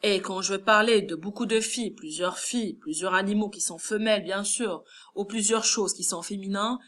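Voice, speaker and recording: A woman's voice: medium pitch, normal speed, fairly bright tone. A woman with a Moroccan French accent, teaching a first-grade class, patiently sounding out words syllable by syllable. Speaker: primary school teacher. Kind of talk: classroom lesson correction.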